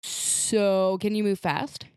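A woman's voice: mid-range voice, flat delivery, takes it slowly, darkish tone, clear, resonant tone, dry recording, studio quality. A woman playing a tabletop game, bantering playfully with the others. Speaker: player. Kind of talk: casual tabletop play.

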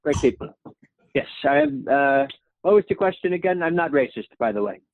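Heavily acted and creaky, a young man's voice swings hugely in pitch as he mimics a boastful male president who rambles, praises himself and ends lines with a descending "okay?". He talks a little fast in this comedic sketch, and the tinny, phone-like audio carries a little hiss or hum.

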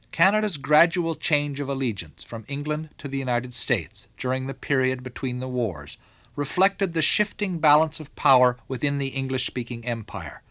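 A man narrating a documentary from a script in a measured, formal way. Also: mid-range voice, fairly bright tone, dry recording.

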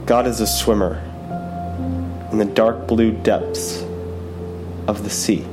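A man slowly reading a picture book aloud in a gentle, unhurried way. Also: on the low side, fairly even intonation, over music, poor audio. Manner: gentle, unhurried, soft delivery. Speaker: storyteller.

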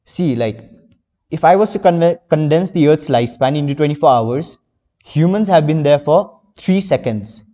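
A man's voice: a little high, lively intonation, moderate pace, warm tone, big-room sound, highs cut off. A teenage boy from India speaking earnestly as an interview guest, rambling with many fillers. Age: teens. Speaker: interview guest, young novelist. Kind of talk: casual interview.

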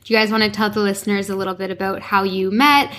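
A woman's voice: medium pitch, steady tone, quick pace, a bit bright. A woman hosting a podcast interview, asking upbeat, encouraging questions. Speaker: podcast host. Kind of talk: casual interview.

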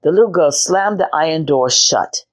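A woman hosting a story show, reading a children's fairy tale aloud in a gentle, measured way. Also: low-pitched, expressive. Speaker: storyteller host.

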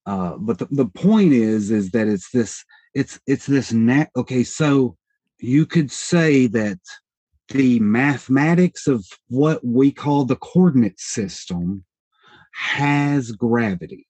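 A thirty-something independent researcher, speaking as a podcast guest, gives casual explanations that ramble and self-correct, with plenty of hedging as he thinks. His mid-range voice is animated yet slow, mellow and husky. No room sound is audible.

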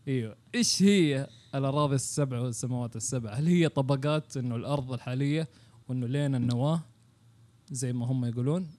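A man's voice: mid-range voice, fast, a little mellow. A Saudi man chatting casually and thinking aloud, dropping English words and phrases into his Arabic. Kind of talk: casual, musing chat.

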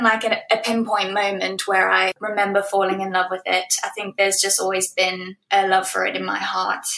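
Guest voice: woman in her twenties, earnest and reflective, recorded in a roomy, echoey space. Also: medium pitch. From South Africa. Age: 20s. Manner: earnest, laughs softly between phrases. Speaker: guest, professional ballet dancer. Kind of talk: reflective interview answers. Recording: roomy echo.

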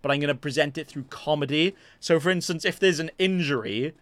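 A man's voice: on the high side, a little fast, fairly bright tone, dry recording. A young man hosting his own podcast, rambling in casual chat and joking at his own expense with many restarts. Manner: self-mocking, jokey, rambling with restarts. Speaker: podcast host. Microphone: desk mic in front of a green screen.

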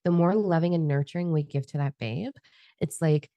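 A woman hosting a casual podcast chat, talking in an enthusiastic, nurturing way with quick asides. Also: low-pitched, dark tone, no room sound. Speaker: podcast host and coach.

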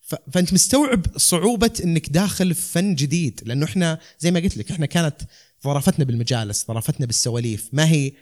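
Very fast-talking Saudi man, rambling casually. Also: fairly high pitch, lively intonation, darkish tone. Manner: rambling, mixes in English terms. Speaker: stand-up comedian, guest. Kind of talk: casual conversational explanation.

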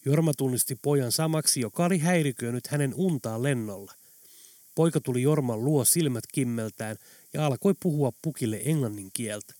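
A man narrating an audiobook in an even, steady storytelling voice. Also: mid-range voice, no room sound. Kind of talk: scripted narration. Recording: dry close studio sound.

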